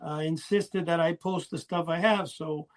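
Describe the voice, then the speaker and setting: This man co-hosts a podcast, reminiscing casually about old toys in a chatty way that wanders through small details. His voice sits on the high side, with a steady tone at normal speed.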